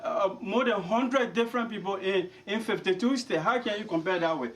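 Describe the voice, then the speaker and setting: A man's voice: sits high, normal speed, fairly bright tone, distant mic. A man objects during a meeting, repeating his phrases as he presses his point. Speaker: meeting member. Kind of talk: meeting debate.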